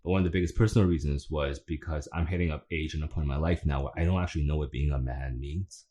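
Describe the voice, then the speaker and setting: Deep, mellow-voiced man hosting a podcast. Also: fast talker. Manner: rambling, hesitant, many fillers. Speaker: podcast host. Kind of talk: casual podcast chat.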